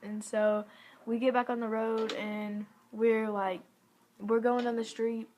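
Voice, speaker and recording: A woman's voice: fairly high pitch, little pitch movement, takes it slowly, darkish tone, dull audio, a little hiss or hum. A young woman telling a story to camera in a casual vlog, chatty and giggly, full of "like" fillers. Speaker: vlogger.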